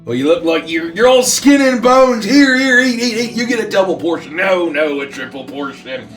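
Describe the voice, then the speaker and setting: A man's voice: sits high, animated, moderate pace, a bit bright, roomy sound, recorded from a distance, faint music behind, voice pushed up. A man voicing a hearty, doting cook who fusses and pushes food on people like an insistent grandparent, in a tabletop game. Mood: fussing, doting. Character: Barnabas, hearty, doting, fussing breakfast cook. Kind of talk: tabletop game role-play.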